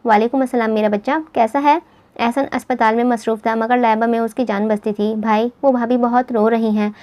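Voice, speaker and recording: A woman's voice: on the high side, fairly even intonation, fairly quick, mellow. A woman narrating a romance novel, voicing every character herself and rising for anguished dialogue. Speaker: audiobook narrator. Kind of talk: reading a romance novel aloud.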